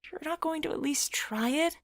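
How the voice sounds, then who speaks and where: Playing the teasing, loyal best friend in a visual novel, a woman gives a playful, excitable young woman a high, expressive voice that jumps around. At a moderate pace, her tone is teasing and coaxing, in a very dry recording.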